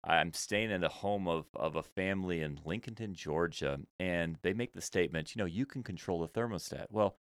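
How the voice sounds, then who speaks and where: A man's voice: sits low, normal speed, hardly any pauses, smooth, no room sound. A man in his thirties who grew up in Senegal, a podcast guest telling stories in an easygoing, humorous way. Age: 30s. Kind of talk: conversational storytelling.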